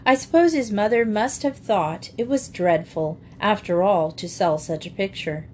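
A woman reading aloud voices a gentle, good-hearted young girl who speaks softly and earnestly, near tears. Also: mid-range voice, moderate pace, a little hiss or hum, close to an everyday voice. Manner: soft, sobbing, earnest.

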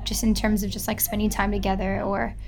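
A woman's voice: mid-range voice, little pitch movement, a little fast, darkish tone. A young woman, chatting casually as an interview guest and filling her talk with "like". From Midwest United States. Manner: chatty, lots of filler "like".

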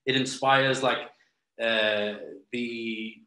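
Bright-voiced New Zealand man in a roomy space. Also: mid-range voice, fairly even intonation, extremely slow. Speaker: interview guest, professional wrestler. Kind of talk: casual interview chat.

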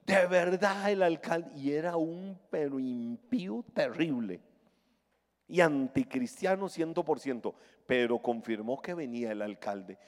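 A man's voice: mid-range voice, lively intonation, unhurried. Emphatic male pastor preaching. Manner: emphatic, storytelling, swings from hushed to loud. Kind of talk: sermon. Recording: long hall reverb, faint music.

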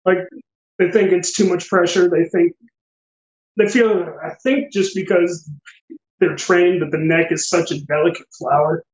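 A man's voice: high voice, fairly even intonation, a little slow, reverberant, highs cut off. A man, a massage therapist, chatting easily as a guest on a podcast. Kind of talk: casual podcast conversation.

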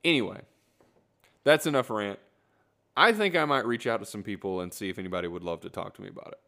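A man's voice: lowish voice, lively intonation, quick pace, gravelly, a bit bright. A man hosting his own podcast, talking alone in a rambling, self-correcting, self-deprecating way. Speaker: podcast host. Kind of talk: solo rant, casual monologue.

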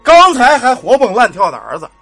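A man's voice: very high-pitched, huge pitch swings, brisk, pushed and bright, soft background music. A man telling a village ghost story in a colloquial, earthy way, with casual cursing and sound effects. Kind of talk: spoken ghost-story narration.

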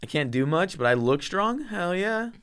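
Foul-mouthed young man, smooth voice. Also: high voice, very animated, normal speed, a bit bright. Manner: swears freely, laughs through stories. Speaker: podcast co-host. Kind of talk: casual chat.

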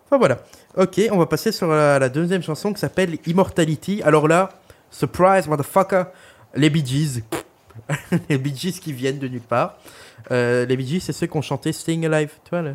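A young man co-hosting a podcast reviews an album in a casual, jokey chat, speaking at a normal pace in a slightly high voice. His humor is crude, and he rambles with plenty of fillers.

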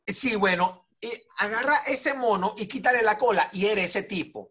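A man with a Venezuelan Spanish accent telling a story in a casual chat with friends, slangy and animated. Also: high voice, moderate pace, husky.

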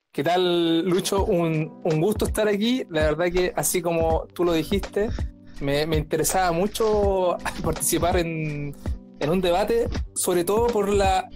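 A man's voice: high-pitched, a little mellow. A man in his thirties with a Chilean accent, a teacher appearing as a podcast guest, speaking hesitantly and repeating words. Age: 30s. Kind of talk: casual podcast chat.

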